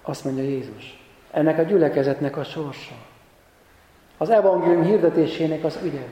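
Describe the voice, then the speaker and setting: Male pastor, sermon, warm slightly high voice, heavy echo of a church. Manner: rises to impassioned emphatic exhortation, then settles calm. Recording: very echoey church hall.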